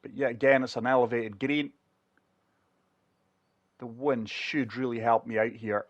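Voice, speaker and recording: A gaming channel host chats through a golf video game, talking viewers through every shot while struggling for breath with a chest infection. His medium-pitched voice is steady and a little slow, and the recording is dry and muffled.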